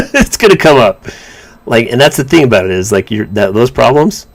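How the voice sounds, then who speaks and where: This comic artist co-hosts a live drawing stream, chatting casually while he works; he rambles, stumbles, repeats words and often restarts. His mid-range voice is sing-song and creaky, at a normal speed.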